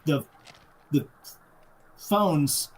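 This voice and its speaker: A man's voice: on the high side, extremely slow, a little hiss or hum. A man co-hosting a podcast who chimes in to help retell a film's plot, quoting the characters. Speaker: podcast co-host. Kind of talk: casual movie recap chat.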